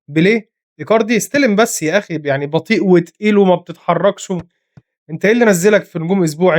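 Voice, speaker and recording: Egyptian male gamer commentating his own match, very fast, high voice, excitable, scolds his players, slightly hoarse. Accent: Egyptian Arabic. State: voice getting hoarse. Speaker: gaming commentator. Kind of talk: live gameplay commentary.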